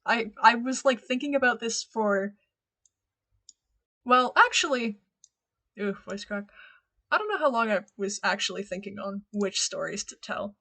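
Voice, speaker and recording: A woman's voice: a little high, animated, normal speed, pushed and bright. A woman streamer talking casually to her chat while playing a game, chatty and rambling, often laughing.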